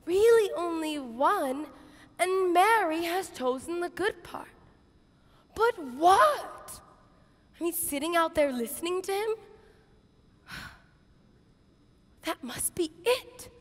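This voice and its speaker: A young woman plays a harried, exasperated hostess ordering her kitchen about in a stage monologue. The voice is very high and girlish, with exaggerated theatrical intonation and an unhurried, drawn-out pace. It rings in a large auditorium. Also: animated, full character voice. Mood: pensive, torn. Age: teens to young adult. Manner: exaggerated, theatrical intonation, swinging from hushed asides to shouts. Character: flustered, bossy Martha, harried biblical kitchen hostess, exasperated with sister. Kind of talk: dramatic monologue, expressive stage reading. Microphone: headset.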